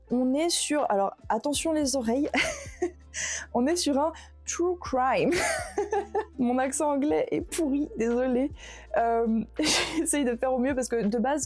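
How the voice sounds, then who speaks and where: A woman's voice: on the high side, dark tone. Chatty young Frenchwoman reviewing books. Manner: chatty, laughs often, self-mocking asides. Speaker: book reviewer. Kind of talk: casual book review vlog.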